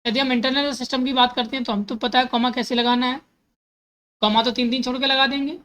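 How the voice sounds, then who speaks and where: Woman math teacher, bright and fairly high voice, patient step-by-step explainer who mixes in terms. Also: steady tone, brisk, rough recording. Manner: repeats steps and asks herself questions, corrects slips.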